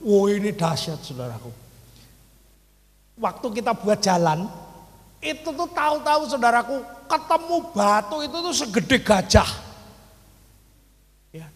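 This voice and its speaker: A man with a Javanese accent preaching a sermon in a strikingly high voice, telling his story with emphasis and turning to the congregation over and over. His voice rings through a church hall with a long, trailing reverb. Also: very animated, unhurried, pauses often, fairly bright tone. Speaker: pastor.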